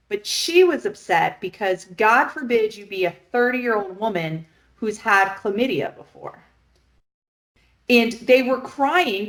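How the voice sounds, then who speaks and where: Blunt woman co-host, roomy echo. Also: a little high. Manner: blunt, frank, swears freely. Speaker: podcast co-host. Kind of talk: casual chat.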